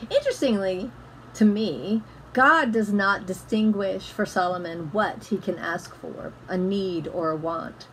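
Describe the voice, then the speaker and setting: Middle-aged woman pastor, gentle slow sermon on a webcam, soft noise behind. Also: fairly low pitch, rough recording. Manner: gentle, measured, conversational preaching. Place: home room with bookshelves. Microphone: laptop webcam, close framing.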